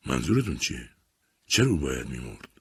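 An insistent, patient army captain defending a client, as a narrator puts him on in a storybook reading. His voice is very deep and breathy-husky, and he presses each question firmly. The recording is close and dry. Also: big pitch swings, a bit bright, dry recording, full character voice. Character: persistent male army captain and defense lawyer.

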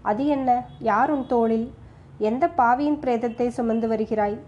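A woman reading the lines of a stern, scheming male Buddhist monk in a storybook, in a low, grave questioning tone. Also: steady tone, moderate pace, a little mellow, lo-fi sound, close to an everyday voice. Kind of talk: audiobook character reading.

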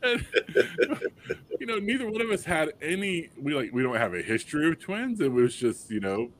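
A man, telling a personal story on a panel, halting with fillers and restarts but animated when quoting others. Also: a little high, slight background noise. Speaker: panel guest father.

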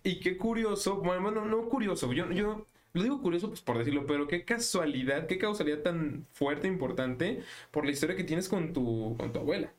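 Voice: medium pitch, brisk, hardly any pauses. Podcast host, interviewer, casual, thoughtful, winding questions.

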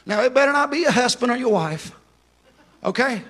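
Pastor, male, very high voice, fervent sermon delivery with sung phrasing. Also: animated, fairly bright tone. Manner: impassioned preaching with sung, drawn-out phrases; repeats words when telling stories. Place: church.

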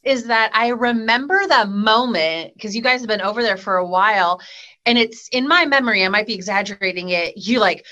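Woman, podcast host, bright voice, casual and upbeat, says "like" a lot. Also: medium pitch, brisk, muffled recording. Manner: chatty, upbeat, many fillers like "like".

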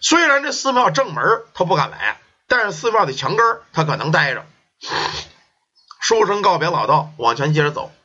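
A man telling a folk ghost story in a lively, colloquial storytelling manner. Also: sits high, brisk, breathy edge. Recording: dull lo-fi recording.

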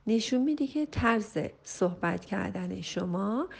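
A woman family counselor reads out a listener's question in a recorded voice message, then answers with earnest, emphatic parenting advice. Her medium-pitched voice is expressive and creaky, slowing and rising whenever she wants to stress a point.

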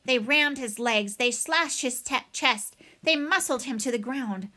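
A woman reading a children's novel aloud in a dramatic, expressive way. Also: high-pitched, unhurried. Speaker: audiobook reader. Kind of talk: storybook read-aloud.

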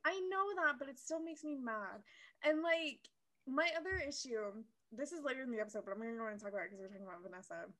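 A woman's voice: a little high, fast. A young woman co-hosting a podcast, chatting casually and ranting heatedly, with a lot of swearing. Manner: animated, swears, heated rants with quoted voices. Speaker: podcast co-host. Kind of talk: casual chat.

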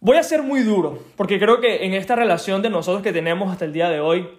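A man with a high voice talks straight to the listener as a network marketing coach. He is blunt in a tough-love way. He stays chatty, laughs between points and keeps checking in with "ok?". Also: fast talker. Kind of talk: direct-to-listener advice talk.

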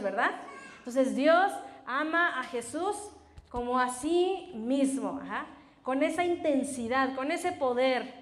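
A woman giving a Bible teaching talk, often asking her listeners questions and answering them herself, with a frequent "ajá". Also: sits high. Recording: roomy echo.

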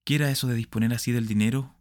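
A man voicing a middle-aged husband in a storybook reading, who moves from quiet scheming to alarmed shouting. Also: mid-range voice, fairly even intonation, very fast, no room sound, studio quality, natural voice. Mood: furious.

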